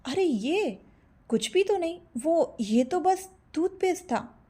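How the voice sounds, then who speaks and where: A playful young male college student who turns sheepish and stammering when caught out, voiced by a woman narrating an audio story. The voice sits fairly high with a dark, husky tone. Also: unhurried. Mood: flustered.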